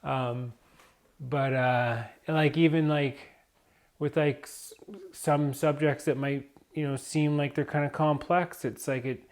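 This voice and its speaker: A man's voice: fairly high pitch, steady tone, slow. A man talking unscripted to camera in a vlog, rambling and hesitant, with many fillers and restarts, and a cough from dust. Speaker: vlogger.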